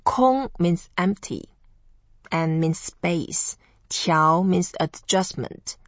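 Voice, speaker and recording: A young woman from Taiwan hosting a Chinese language lesson, who pronounces words slowly and carefully for drills. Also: fairly low pitch, lively intonation, no room sound, muffled recording. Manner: slow, careful pronunciation drills. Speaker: Chinese language teacher and host. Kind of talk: scripted language lesson podcast.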